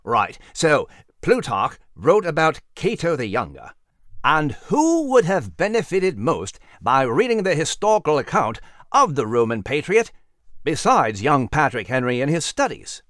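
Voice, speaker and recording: A man voicing a courteous storybook animal with spectacles, reasoning things through step by step in a slightly raised, expressive tone. It is a close, dry read. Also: on the high side, unhurried, no room sound, full character voice. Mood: musing. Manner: courteous and methodical, says "my dear". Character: bespectacled male animal, fussy polite gentleman. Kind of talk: storybook character voice.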